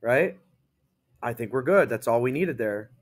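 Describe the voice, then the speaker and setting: A male teacher leading a classroom grammar lesson, reading sample sentences aloud slowly and checking in with his students. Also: mid-range voice, lively intonation.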